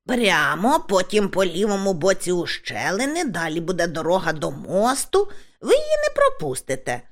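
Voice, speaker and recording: A woman voicing a cheerful, bossy old witch who talks briskly and makes demands. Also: lowish voice, wildly swooping pitch, exaggerated voice.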